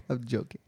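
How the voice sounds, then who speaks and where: A man's voice: dark tone, no room sound. A man hosting a casual podcast chat, teasing his guests and laughing often. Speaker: podcast host. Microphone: studio mic with headphones.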